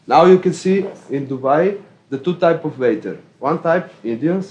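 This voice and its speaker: A man in his thirties with a Serbian accent, speaking halting English from the audience. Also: on the high side, expressive, a little mellow, lo-fi sound. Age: 30s. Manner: halting, non-native English. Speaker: audience member. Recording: echoey room, faint noise.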